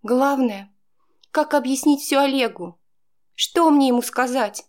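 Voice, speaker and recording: A frightened, tearful young woman, as a female audiobook narrator puts her on pleads in a raised, trembling voice. She sounds desperate and close to sobbing. The pitch sits clearly above the reader's usual tone. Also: a little slow, darkish tone. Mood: tearful pleading.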